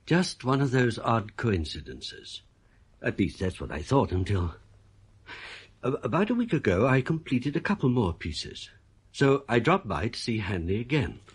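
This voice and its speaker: A man with a mid-range, sing-song voice speaks a little slowly against slight background noise. Playing an uneasy, suspicious composer in a radio thriller, he narrates and speaks dialogue, confiding his own troubled story.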